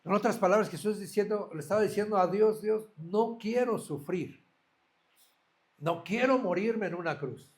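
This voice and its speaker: A man's voice: high voice, moderate pace, darkish tone. A man preaching a sermon as a pastor, earnest, asking his listeners direct questions.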